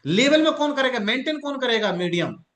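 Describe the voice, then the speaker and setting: A man teaches a class in a bright, high voice that rises and falls a great deal. He explains through examples and keeps asking his listeners questions. The room gives the voice a noticeable echo. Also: big pitch swings, a little fast. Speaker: acupuncture and mind-technique teacher.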